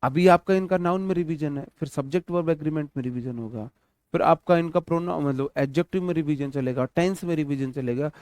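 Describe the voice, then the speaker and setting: A man's voice: fairly high pitch, quick pace, a little mellow, clean tone, no echo. Repetitive Hindi-accented male English teacher. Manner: repetitive, addresses students as brother, asks them questions. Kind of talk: online exam-prep lesson.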